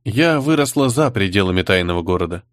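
A man's voice: low voice, no echo, clean studio sound, voice pushed down. A man voicing a cool, defiant young woman. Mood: composed. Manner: calm, measured, pointed.

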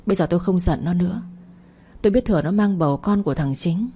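Woman reader doing an older rich woman, scolding and curt, dark tone, storybook. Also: lowish voice, quick pace, husky. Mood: weary. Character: sharp-tongued older rich woman, bitter and proud.

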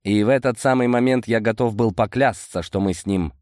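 Low-voiced man narrating an audiobook. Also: dry recording, studio quality. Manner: steady, measured storytelling. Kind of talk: scripted first-person narration.

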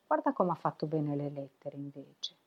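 A woman voicing a patient, encouraging young female tutor, coaxing and measured, for a storybook reading. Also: low-pitched, very animated, slightly rough, exaggerated voice. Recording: lo-fi web radio audio.

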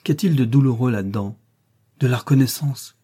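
A man's voice: lowish voice, a little fast, warm tone, breathy edge. A man reading the part of an earnest, doubting young governess in an audiobook.

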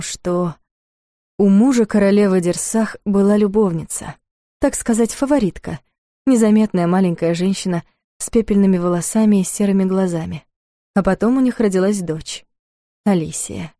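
Mellow-voiced woman reading an audiobook. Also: medium pitch, dry recording, studio quality. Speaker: audiobook narrator. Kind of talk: scripted audiobook narration.

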